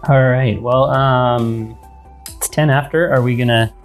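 A man's voice: mid-range voice, fairly even intonation, a little slow, faint music behind. Man, podcast co-host, rambling, hesitant, chuckles a lot. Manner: rambling, hesitant, laughs often. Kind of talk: casual tech podcast chat.

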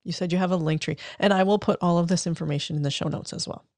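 A woman's voice: on the low side, fairly even intonation, very fast, a little mellow. A woman hosting a podcast interview, asking casual questions and giving brief affirming responses.

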